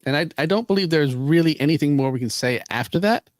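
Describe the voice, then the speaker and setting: A man's voice: on the high side, lively intonation, fast, dry recording, studio quality. Wry, teasing male co-host. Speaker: podcast co-host. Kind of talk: casual chat.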